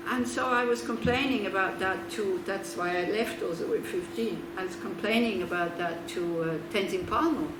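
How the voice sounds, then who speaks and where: Speaking at a normal pace with few pauses, this woman from Switzerland has a medium-pitched voice. She's a Buddhist nun giving a casual teaching talk, chatting along with laughing asides and rhetorical questions. A distant mic picks her up in a roomy space with background noise.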